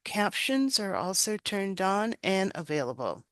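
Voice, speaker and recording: A middle-aged woman hosting a webinar on a video call headset, speaking haltingly with frequent pauses. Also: mid-range voice, big pitch swings, a bit bright, no echo, clean studio sound. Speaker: webinar host.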